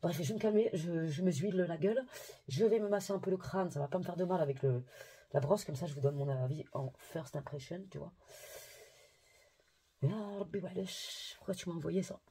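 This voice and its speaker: A woman chatting casually to her viewers in a vlog about hair care and shopping, slangy and quick to rant. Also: fairly low pitch, warm tone, slightly rough. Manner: addresses viewers directly. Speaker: beauty and haircare vlogger.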